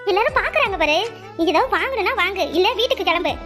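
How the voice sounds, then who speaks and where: A woman voicing a sharp-tongued young village wife in a cartoon, scolding her husband with sarcastic retorts. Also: very high voice, lively intonation, fast, faint music behind. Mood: teasing. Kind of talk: cartoon voice acting.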